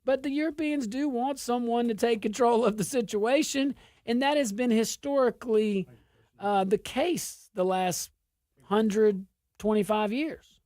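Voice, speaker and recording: A woman's voice: a little high, measured pace, mellow, no echo, clean studio sound. Emphatic woman with an Arkansas accent. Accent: Arkansas Southern US. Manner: emphatic, repeats phrases for stress. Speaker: political commentator. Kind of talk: informal political commentary.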